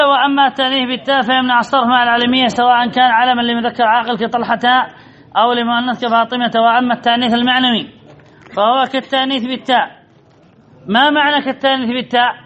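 A man with an extremely high, slightly bright voice teaches Arabic grammar from a classical text, reading passages aloud, quizzing his students and repeating their answers. The recording sounds a little dull, with faint background noise.

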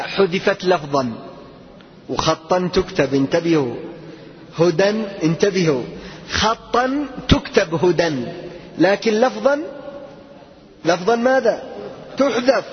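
A man teaching Arabic grammar to a class, asking questions and repeating key words slowly. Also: high-pitched, big-room sound, muffled recording.

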